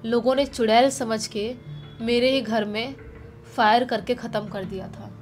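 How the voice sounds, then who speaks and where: A woman's voice: fairly high pitch, steady tone, unhurried, faint music behind, natural voice. A woman voicing a sad, hungry orphaned young village girl who speaks plaintively, in her own voice. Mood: sorrowful. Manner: tearful, plaintive.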